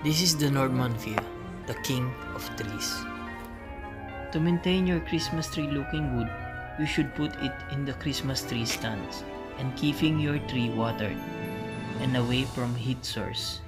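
A steady, explanatory scripted voice-over narration. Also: medium pitch, measured pace. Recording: very loud background music.

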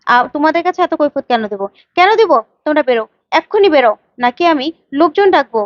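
A woman's voice: high voice, lively intonation, quick pace, dry recording. A woman voicing an older village mother who is secretive and scolding, on a dull lo-fi recording. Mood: defensive, hostile. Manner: defensive, scolding, shoos visitors away.

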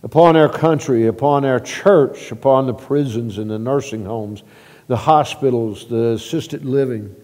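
A man leading a church prayer at a pulpit microphone, halting with repeated words and swelling louder as he prays. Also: medium pitch. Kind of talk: spoken church prayer and announcements. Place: church sanctuary. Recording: long reverb of a church sanctuary.

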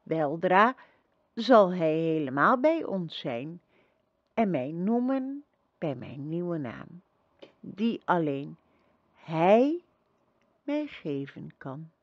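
A gentle young girl empress speaking softly and serenely, as a woman reading a storybook puts her on. Her slow, unhurried lines stay calm and kind. The recording is dry and a little muffled. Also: on the low side, dry recording, exaggerated voice. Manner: soft, calm and reassuring.

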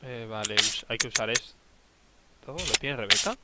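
Swearing gamer over loud noise. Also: male voice, lowish voice, steady tone, moderate pace. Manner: swears constantly, grumbling to himself. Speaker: gaming channel host. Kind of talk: let's play commentary. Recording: loud background noise with clicks.

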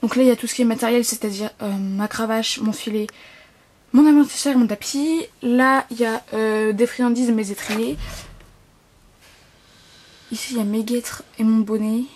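A teenage girl vlogging casually at home, rambling with lots of fillers and restarts, her voice slightly hoarse. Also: on the high side, fairly even intonation, normal speed, a little mellow. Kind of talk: casual vlog chat.

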